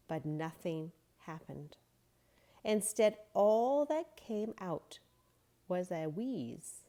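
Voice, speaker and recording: Reading a children's story aloud to kids, a woman storybook reader is slow, gentle and unhurried. Her delivery is expressive, with very lively pitch.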